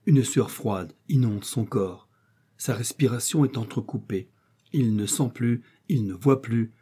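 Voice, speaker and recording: Dark husky male narrator. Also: medium pitch. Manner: measured, expressive literary reading. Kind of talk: audiobook narration of a classic novella.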